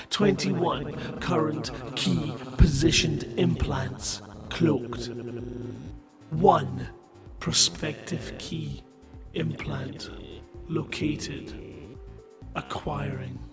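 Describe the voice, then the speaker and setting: A man voicing a cold alien hive-mind computer through a grainy, scattering distortion, reading out a status log slowly and flatly. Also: fairly high pitch, creaky, roomy sound, over music, heavily acted. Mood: cold, ominous. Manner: slow, flat log-readout delivery. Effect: grainy, scattering voice-of-doom distortion. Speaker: podcast host.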